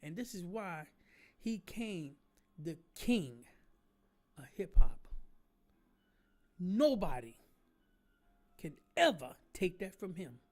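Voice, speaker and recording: A man in his forties giving a heated, streetwise monologue to fans. He ends phrases with "man" and "understand?" and swings from low murmurs to loud, preachy outbursts. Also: big pitch swings, slow pace, pauses often. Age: 40s.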